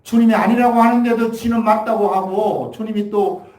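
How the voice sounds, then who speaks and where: A man's voice: high-pitched, steady tone, normal speed, darkish tone. A man preaching a Sunday sermon as pastor, telling a story in a folksy way and then pressing the point with emphatic exhortation. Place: church sanctuary. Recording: echoey church hall.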